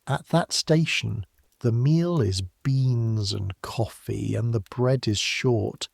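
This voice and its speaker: Slow, gravelly man narrating history. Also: mid-range voice, no room sound. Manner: calm, measured second-person storytelling.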